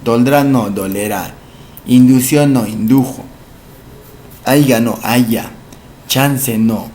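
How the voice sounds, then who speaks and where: A man teaching language for entrance exams speaks slowly on a recorded lesson, saying each word twice and asking rhetorical questions. His pitch is medium and his tone leans dark.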